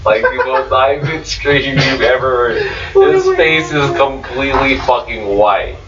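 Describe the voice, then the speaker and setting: A man narrating as dungeon master at a tabletop game, slow and grim, with swearing. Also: medium pitch, far from the mic, a loud crowd. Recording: roomy, muffled, noisy recording from off mic.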